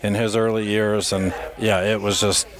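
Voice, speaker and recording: A man's voice: fairly low pitch, level tone, normal speed. Man in his fifties from Hawaii. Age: 50s. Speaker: guest, fantasy camp veteran. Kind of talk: casual interview storytelling. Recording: crowd noise in background.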